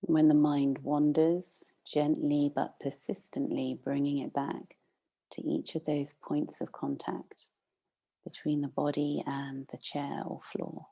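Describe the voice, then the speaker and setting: Unhurried and gently instructive, this woman leads a meditation in a deep, relaxed tone that turns creaky at the edges.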